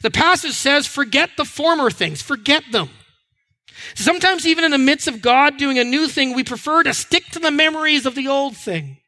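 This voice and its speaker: A man's voice: very high voice, brisk, hardly any pauses, pushed and bright. A man preaching a sermon as a pastor, earnest, and now and then repeating words.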